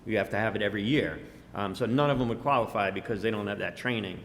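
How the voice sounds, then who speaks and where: Fast-talking fire official, lowish voice. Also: male voice, creaky, a bit bright. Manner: matter-of-fact, explaining. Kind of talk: explaining rules at a public meeting. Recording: long reverb of a meeting hall.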